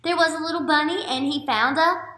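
A fairly quick, high, somewhat bright voice comes from an American woman in her thirties who teaches early elementary grades. She reads aloud in an indoor classroom with roomy echo, speaking expressively to young children and often asking them questions.

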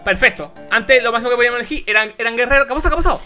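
A young man with a Spanish accent commentating a video game he is playing, casual, excitable, shouting and swearing when things go wrong. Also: extremely high pitch, rapid-fire, faint music behind. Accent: Spain. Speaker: gaming youtuber. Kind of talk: casual let's play commentary.

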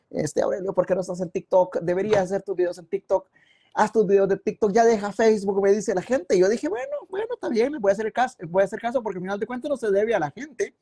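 Mellow-voiced man chatting on a live stream. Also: sits high. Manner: rambling, reads comments aloud. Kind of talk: casual live stream chat with viewers. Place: home, at a computer.

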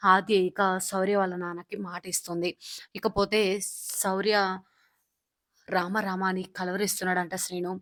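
A woman retells a drama episode in a casual, running storytelling manner. Her voice sits fairly low and stays level and even, with little rise or fall. She reads every character's lines in her own plain voice rather than acting them out. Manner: strings events together with "and then" phrases. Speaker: serial episode narrator.

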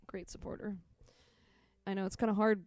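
A woman's voice: mid-range voice, little pitch movement, moderate pace, darkish tone, no room sound. A woman co-hosting a music livestream, teasing her partner and laughing often in casual chat. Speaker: co-host and musician.

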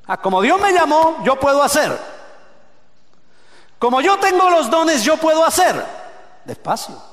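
A male pastor preaching a sermon, swinging between loud shouted peaks and low hushed asides and calling on the congregation to repeat phrases. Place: church sanctuary. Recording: echoey church hall with long reverb.

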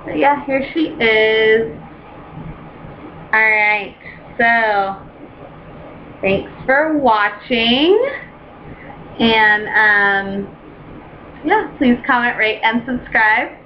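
A young woman in a casual home vlog, talking about a doll she bought and gushing with excitement, with lots of ums and restarts. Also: fairly high pitch, drawn-out words, long pauses. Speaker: doll collector vlogger. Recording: dull lo-fi home video with faint hiss.

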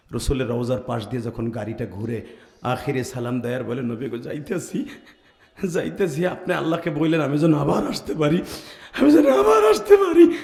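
A man preaching an emotional Islamic sermon, swinging between shouted peaks and low, pained murmurs, his voice strained. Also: in a large hall. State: chest aching, strained. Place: large religious gathering.

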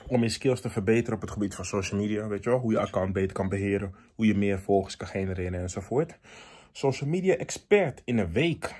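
A young man from the Netherlands casually reviewing books in a vlog, chatty and quick to laugh, dropping in English phrases. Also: fairly low pitch, darkish tone, husky. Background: faint background music.

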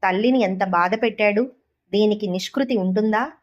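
A woman reading a short story aloud as an audiobook narrator, in a calm, measured way. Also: medium pitch, lo-fi sound.

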